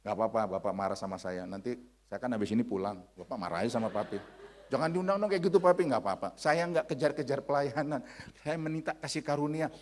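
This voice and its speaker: A man in his thirties preaching a sermon in a church, forceful, dropping to hushed lines and rising to shouted ones. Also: medium pitch, quick pace. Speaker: pastor. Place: church sanctuary.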